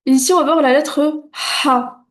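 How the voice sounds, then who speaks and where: A woman who teaches Arabic reading gives a beginner lesson in a high, steady voice. Patient and reassuring, she sounds out syllables one at a time, repeating them slowly and clearly and checking in often.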